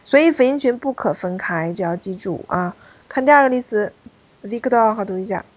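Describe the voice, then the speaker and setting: A woman's voice: medium pitch, expressive, moderate pace, dry recording, highs cut off. A woman teaching a French pronunciation class, explaining rules step by step and calling on students. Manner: explanatory, repeats key points, calls on students.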